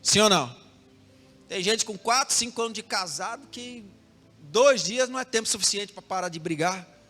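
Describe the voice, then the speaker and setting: A young Brazilian pastor preaches in a high, lively voice, spinning a story through rhythmic repeated phrases. He turns often to speak straight to his congregation. His voice rings through a hall with long reverb and soft music underneath. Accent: Brazilian Portuguese. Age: young adult. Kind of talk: sermon. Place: church hall.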